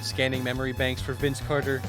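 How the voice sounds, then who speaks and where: A man's voice: medium pitch, monotone, brisk, natural voice. A man reading a forgetful male cyborg's lines as computer-processing status messages, in his own plain voice over game music. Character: amnesiac male cyborg basketball player, mechanical. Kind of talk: let's play reading the game's text aloud.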